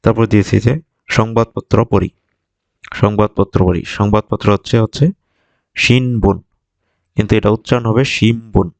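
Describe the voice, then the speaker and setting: A man with a fairly low voice teaches vocabulary, saying each word and its meaning again and again to help learners remember. His first language is Bengali, and the recording is dry and close, with no room sound. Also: flat delivery, creaky, darkish tone, no room sound. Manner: patient, repeats each word slowly. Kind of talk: vocabulary lesson, explaining words.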